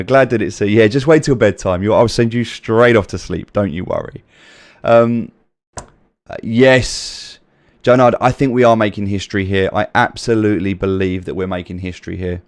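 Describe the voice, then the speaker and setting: Answering his chat by name, a British man hosting a livestream makes preachy, earnest points about helping others and repeats them for emphasis. His voice is mid-range and soothing, captured in a dry recording.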